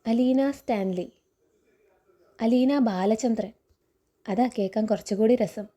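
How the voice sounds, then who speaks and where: A gentle, earnest young woman, read out by a woman in a fairly high, mellow voice. She pleads softly and sincerely. The reading stays close to plain storytelling speech. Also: slow. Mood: earnest, pleading.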